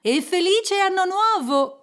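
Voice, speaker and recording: A woman's voice: fairly high pitch, lively intonation, a little slow. Woman playing cheerful nephew Fred. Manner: bright, jovial. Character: cheerful young man, Scrooge's nephew.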